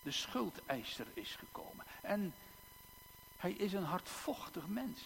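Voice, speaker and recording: A male pastor preaching a sermon in a church, slow and emphatic, with long dramatic pauses and repeated words. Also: high voice, huge pitch swings, vocal fry, fairly bright tone. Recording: echoey church hall, faint hum.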